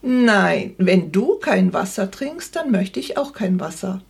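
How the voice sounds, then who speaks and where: A woman's voice: mid-range voice, very animated, slow, vocal fry, darkish tone, husky, heavily acted. A woman reading aloud as a stubborn middle-aged husband set in his habits, in a plain, slightly pleading tone.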